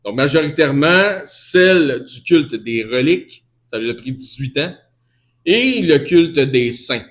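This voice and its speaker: Québécois male preacher, higher voice, conversational teaching sermon, self-correcting. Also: animated, unhurried, a bit bright. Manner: conversational, restarts and self-corrects, answers questions from the floor.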